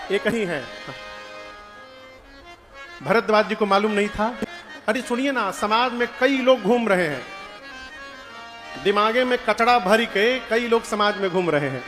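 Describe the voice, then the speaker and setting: Religious storyteller, man, high voice, chatty with the crowd, acts out dialogue, reverberant hall. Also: fairly bright tone. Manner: conversational, questions the audience, acts out dialogue. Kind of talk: devotional sermon with anecdotes. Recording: reverberant hall with faint music.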